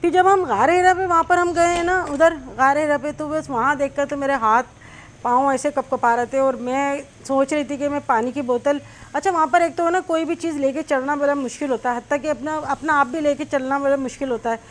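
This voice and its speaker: A woman's voice: high-pitched, steady tone, a little fast. A middle-aged woman, host of a cooking channel, chattily telling a long personal story while she cooks, with many small fillers.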